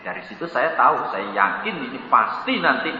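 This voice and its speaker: A man teaching a religious text lesson, translating Arabic word by word and explaining it in an animated, playful way. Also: medium pitch, fairly quick, a little hiss or hum. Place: dormitory hall. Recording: echoey hall, dull sound.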